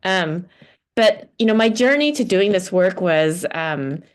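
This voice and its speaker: Brief: low-pitched woman from the US, professor, talks over video call, thoughtful and a bit hesitant. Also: lively intonation, a little slow. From United States (Houston, Texas). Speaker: guest speaker, political science professor. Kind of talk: online lecture talk.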